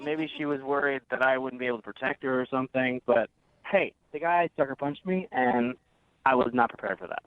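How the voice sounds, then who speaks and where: Calling in to a radio show, the man speaks briskly at medium pitch and tells his story conversationally. A dry, narrow phone line carries his voice, with background noise behind it.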